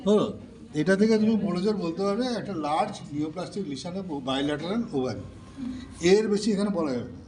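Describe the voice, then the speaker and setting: A man's voice: high voice, animated, quick pace, a crowd in the background. A man teaching students about pathology specimens in an informal session, explaining step by step and often checking that they follow. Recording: distant mic with faint background noise.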